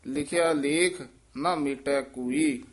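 Slow-spoken male Gurbani teacher. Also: fairly high pitch. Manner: recites slowly, then quickly explains pauses and stresses. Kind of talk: Gurbani recitation lesson.

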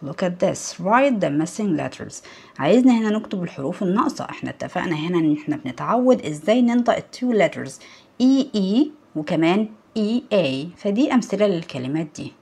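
Egyptian woman teacher for a kids' lesson; husky, lower-pitched voice with a lively, bouncing delivery; quizzes and praises. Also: brisk. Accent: Egyptian Arabic. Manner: asks the children questions and praises them. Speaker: primary school English teacher. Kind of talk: recorded lesson for young pupils.

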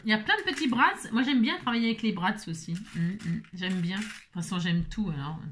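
Playful woman vlogger, chatty and exclamatory, talks to herself, mid-pitched voice. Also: fairly quick, a bit bright, slight background noise. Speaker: papercraft vlogger. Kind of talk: casual chat while opening mail.

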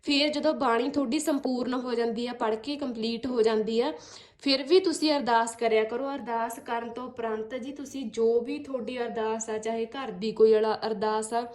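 A woman's voice: a little high, fairly even intonation, normal speed, a little mellow. A woman giving earnest devotional advice, repeating phrases and coaxing listeners politely. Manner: earnest, repetitive, coaxing with frequent "ji". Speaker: spiritual speaker.

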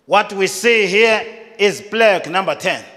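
A middle-aged male pastor with a high, bright voice preaches into a handheld mic in a large church hall. He speaks in short, repeated phrases and leaves pauses for an interpreter. The hall adds a long, ringing reverb. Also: expressive. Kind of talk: sermon with prayer, paused for interpreter.

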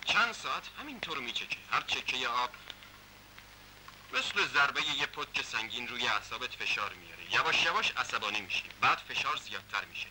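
A man's voice: medium pitch, sing-song, pushed and bright, low-quality recording. An actor playing a menacing male gang leader who gloats and threatens in a dubbed 1960s film. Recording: hissy old film soundtrack.

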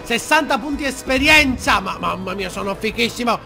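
An excitable young man giving let's-play commentary, shouting and swearing as he plays. His voice is very high and very bright, and his pitch swings widely. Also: moderate pace, gravelly, soft background music. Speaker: gamer.

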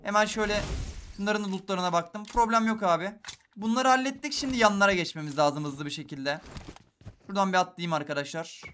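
A young man giving live commentary while playing a shooter game, excitable and talking straight to his viewers, dropping to a hush and then bursting out loud. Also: high voice, fairly quick, a little hiss or hum. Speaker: gaming YouTuber.

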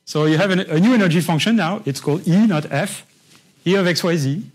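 A man's voice: high voice, a little fast, slightly rough, rough recording. A man lecturing a university class, explaining patiently in a conversational way and often checking in with his listeners. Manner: conversational, with frequent restarts.

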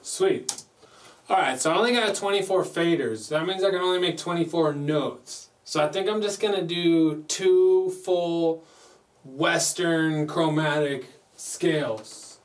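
A man's voice: on the high side, measured pace. Playful man, distant mic. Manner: playful, chatty, jokes at himself. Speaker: music producer. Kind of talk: casual studio vlog. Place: home recording studio with mixing desk. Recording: distant mic, faint background noise.

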